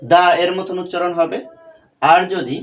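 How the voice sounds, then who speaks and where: A man's voice: sits high, unhurried. A young man teaching an online English grammar lesson, patiently repeating key points and quizzing his students.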